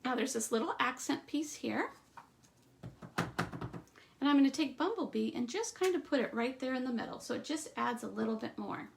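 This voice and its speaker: A woman giving a live stamping demonstration, chatting through each step and trailing off into quiet asides. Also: high voice, animated, normal speed, gravelly, a little hiss or hum. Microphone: streaming setup at a craft table.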